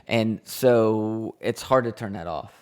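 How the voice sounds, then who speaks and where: A man co-hosting a podcast, easygoing and agreeable, speaking in quick bursts during casual conversation. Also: lowish voice, clear, resonant tone. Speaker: podcast co-host. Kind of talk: casual chat.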